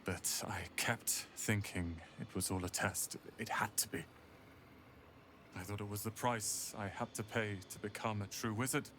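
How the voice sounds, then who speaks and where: A man's voice: fairly low pitch, steady tone, a little slow, fairly bright tone, slight background noise. An actor playing a bitter, proud young male tiefling wizard in a video game, clipped and resentful.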